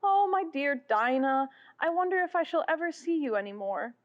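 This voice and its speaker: An eager, curious young girl, as a woman puts her on, high and very lively in pitch. She talks to herself in a storybook reading. The recording is slightly muffled and lo-fi. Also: normal speed. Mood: wistful.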